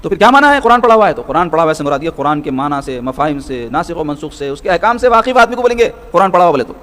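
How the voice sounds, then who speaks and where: A man's voice: fairly high pitch, animated, fairly bright tone. A man giving a sermon-style hadith lesson, explaining points step by step and asking rhetorical questions. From Hyderabad, South India. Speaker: religious scholar teaching hadith.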